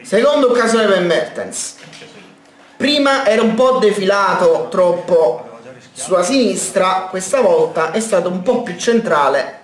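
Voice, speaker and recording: A man reacting live to a football match, shouting, swearing and chanting players' names. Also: sits high, animated, measured pace. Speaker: football fan streamer. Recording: echoey room with broadcast crowd noise. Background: match broadcast with stadium crowd.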